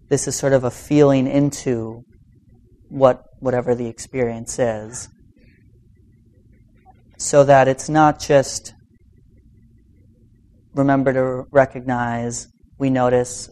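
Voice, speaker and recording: A man teaching meditation in an informal dharma talk, speaking in a halting, reflective way with long pauses. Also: medium pitch, a little mellow. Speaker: meditation teacher giving a talk to a practice group.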